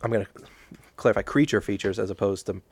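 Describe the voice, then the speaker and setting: A man's voice: lowish voice, fairly even intonation, fast talker, darkish tone, husky, no room sound. A man co-hosting a podcast in casual chat, making dry, wry jokes. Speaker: podcast co-host.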